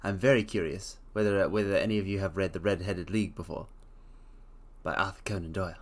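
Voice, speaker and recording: A man with a low, steady voice talks at a quick pace during a casual live stream, playful and theatrical, calling his listeners "mortals." He hums softly to himself between phrases.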